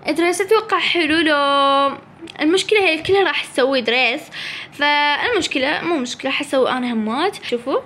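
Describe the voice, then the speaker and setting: Young Iraqi woman gamer host, high-pitched, casual and teasing, code-switches into English. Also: fairly quick, bright, forceful tone, a little hiss or hum. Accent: Iraqi Arabic. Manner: chatty, mixes in English phrases, teasing. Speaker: gaming channel host. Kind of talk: casual gameplay chat.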